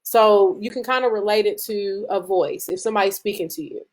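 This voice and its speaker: A woman with a mid-pitched voice teaches a group in a relaxed, conversational way. She rambles a little, with frequent "um"s and restarted phrases. Her pace picks up and slows as she gets excited. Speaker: business branding presenter. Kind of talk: casual teaching talk to a group.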